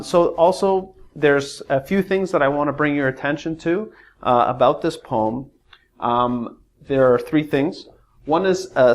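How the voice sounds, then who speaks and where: A man with a medium-pitched voice gives a casual English pronunciation lesson, rambling and hesitant with lots of fillers. When he reads verse, his intonation swings in exaggerated rises and falls.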